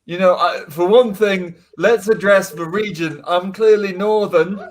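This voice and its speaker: A man's voice: sits high, measured pace. A man playing a plain-spoken father surviving on scraps, with a northern English accent, in improvised comedy. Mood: exasperated.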